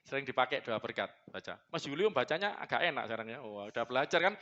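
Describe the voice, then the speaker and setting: A man's voice: medium pitch, lively intonation, fast talker, pushed and bright, muffled recording. A man preaching a sermon to his church congregation, blunt and joking, slipping into phrases. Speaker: pastor.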